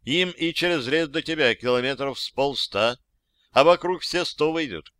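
The ghost of a dead comrade, voiced by a man, speaks quietly and reassuringly as he keeps watch. The tone is bright and smooth. The recording is dry. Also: fairly high pitch, moderate pace, no room sound, lightly acted. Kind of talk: audiobook character voice.

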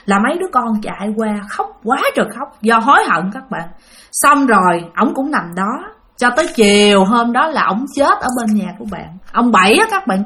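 A woman's voice: on the high side, a bit bright. A woman telling a ghost story, chatting directly to her listeners. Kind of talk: spoken ghost story narration.

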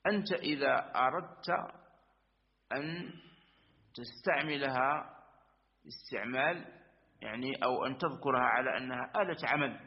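Man teaching grammar on a dull recording. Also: mid-range voice. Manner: methodical, repeats and affirms with frequent asides; recites verse lines slowly. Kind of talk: religious-school lesson explaining a verse text.

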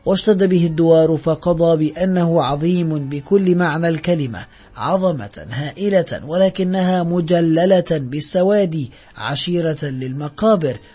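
A man narrating a literary novel in a measured, solemn reading. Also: on the high side, warm tone, slightly rough. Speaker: audiobook narrator. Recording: dull lo-fi audio.

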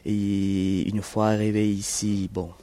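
Slow, hesitant man with a Vietnamese accent. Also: fairly low pitch, little pitch movement, mellow. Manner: hesitant, many fillers and restarts. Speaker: interviewee. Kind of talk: casual interview answers.

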